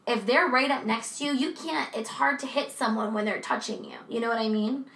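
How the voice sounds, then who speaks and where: A woman co-hosting a casual true crime chat, talking in a chatty, profane way with animated asides. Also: on the high side, brisk, gravelly, reverberant, recorded from a distance, poor audio. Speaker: podcast co-host.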